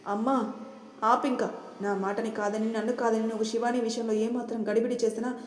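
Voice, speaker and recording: A woman's voice: a little high, flat delivery, a little fast, lightly acted. A woman voicing a jealous, scheming young woman who speaks defiantly and bitterly. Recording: roomy reverberant room.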